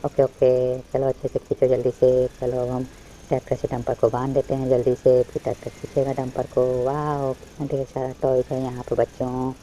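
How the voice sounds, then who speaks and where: A man hosting a toy channel, narrating toy play for children in an excitable way, full of wows and oh-nos as he urges the toys on. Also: mid-range voice, normal speed, a little hiss or hum, rough recording.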